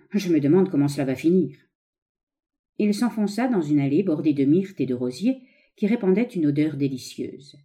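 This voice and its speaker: Woman narrating with a very dark, mellow voice. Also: fairly low pitch. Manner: measured, expressive storytelling. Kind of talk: scripted audiobook narration.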